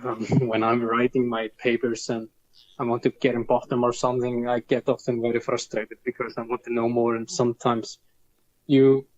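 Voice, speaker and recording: A man's voice: mid-range voice, little pitch movement, normal speed, a little mellow. A young man from Iceland, a native Icelandic speaker, talking in a hesitant interview style and often repeating words while he searches for them. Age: young adult. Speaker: guest, folklore student. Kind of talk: casual interview conversation. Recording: dull lo-fi audio.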